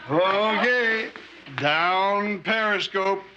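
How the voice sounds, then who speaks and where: A man's voice: sits high, highs cut off. An earnest, folksy handyman. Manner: folksy, earnest, slow-spoken. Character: genial, simple-hearted handyman uncle. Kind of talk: 1980s sitcom acting. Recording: noisy old TV sitcom audio.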